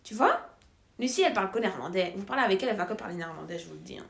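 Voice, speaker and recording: Young woman, casual podcast host, rapid and animated, echoey room. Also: medium pitch, creaky. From Belgium. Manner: animated, quick, talks over others. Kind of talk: casual chat among friends.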